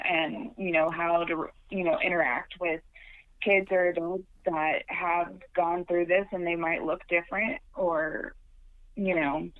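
A woman heard over a narrow, tinny phone line, with a slightly low voice and a dry, close sound. She talks very slowly, explaining in measured steps with plenty of fillers. She is calling in as a guest on a sports show. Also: dry recording. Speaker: mother of a burn survivor, phone guest.

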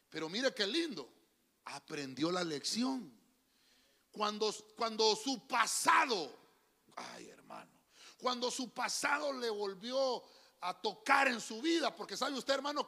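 A male preacher, his voice high and swinging widely in pitch as he delivers an animated, folksy sermon. The tone is bright and edgy, with a gravelly crackle running through it. He keeps addressing the congregation directly as "brother". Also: long reverb tail. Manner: animated and folksy, often calls listeners "brother". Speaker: pastor. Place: church before a congregation.

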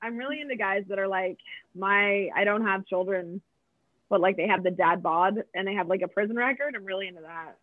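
A woman's voice: medium pitch, fairly quick, no echo. A woman in her forties chatting casually, crude, profane and self-mocking. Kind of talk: casual chat. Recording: dry, tinny phone-like line.

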